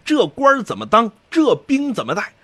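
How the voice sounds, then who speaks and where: A man's voice: very high-pitched, big pitch swings, moderate pace, bright, forceful tone, no echo. A man giving a colloquial, jokey storytelling history lecture.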